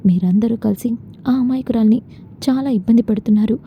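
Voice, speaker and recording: A woman's voice: a little high, fairly quick, natural voice. Angry young man, woman reading, reproachful, dull lo-fi recording. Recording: dull lo-fi with faint noise.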